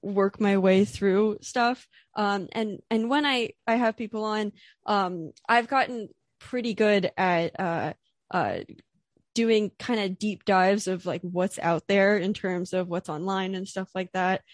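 A woman's voice: medium pitch, fairly even intonation, slow, no echo, studio quality. Chatty, nervous young woman host. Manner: nervous, chatty with many fillers and restarts. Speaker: podcast host. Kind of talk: casual interview.

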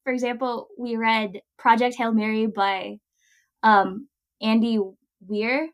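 A woman's voice: on the high side, fairly even intonation, slow pace. A young woman in her twenties co-hosting a podcast, talking casually with many fillers and laughs. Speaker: podcast co-host.

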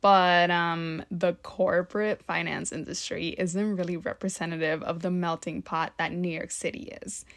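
A woman's voice: on the low side, level tone, moderate pace, gravelly, hardly any pauses, no room sound, studio quality. A young woman hosting a podcast, telling personal stories in a candid, casual way with some swearing. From Mexico and Texas. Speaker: podcast host. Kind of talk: personal storytelling monologue.

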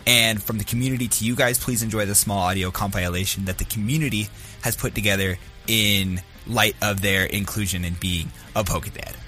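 A man with a low voice and a bright, forceful edge reads a grateful message to the hosts. He keeps it earnest and upbeat. Faint music plays underneath. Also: steady tone, fairly quick. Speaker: podcast intern. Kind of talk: scripted thank-you message.

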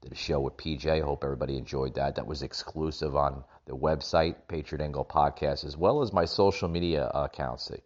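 Low-voiced man podcasting in an echoey room. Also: fairly even intonation. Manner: halting, repeats phrases for emphasis. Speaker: podcast host. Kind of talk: political commentary to listeners. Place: echoey room in a vacation rental. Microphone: makeshift setup without usual equipment. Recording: echoey, dull makeshift room recording.

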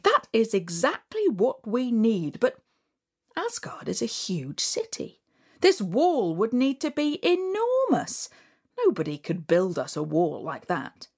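A woman's voice: a little high, huge pitch swings, takes it slowly, slightly rough, heavily acted. Odin, a musing old king of gods played by a woman. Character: Odin, one-eyed ruler of the gods.

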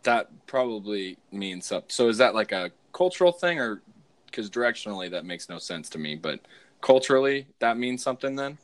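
Low-voiced American man hosting casually. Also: animated, fairly quick. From US West Coast. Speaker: podcast host. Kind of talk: casual joking interview chat.

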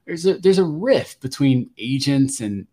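Male podcast host, average pitch, chatty and hesitant, lots of restarts. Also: animated, unhurried, mellow, husky. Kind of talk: casual interview.

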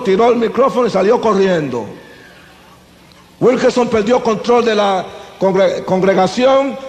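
High-voiced male preacher in echoey hall. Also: darkish tone. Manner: dramatic storyteller who acts out scenes. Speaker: evangelist giving testimony. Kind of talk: testimony sermon. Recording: echoey hall with faint ambience.

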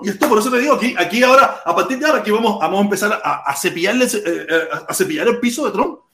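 Cuban guy rambling on his livestream, high lively voice, echoey room. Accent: Cuban Spanish. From Cuba. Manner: animated, rambling, laughing, repeats himself. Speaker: livestream host. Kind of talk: casual live-stream commentary.

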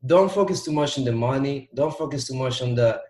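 Speaking briskly at medium pitch, a young entrepreneur from the Dominican Republic, in his 20s, guests on a casual podcast. He motivates in a practical way, stacking repeated words for emphasis; background noise is present, and the room lends his voice a noticeable echo.

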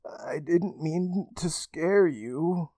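A man voicing a woman librarian turned vampire, speaking slowly in a hushed, eerie way. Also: a little high, dry recording, voice pushed up.

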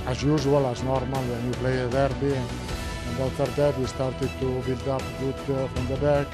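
A man with foreign-accented English, not a native speaker, giving halting post-match remarks. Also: medium pitch, level tone. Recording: loud music laid over speech.

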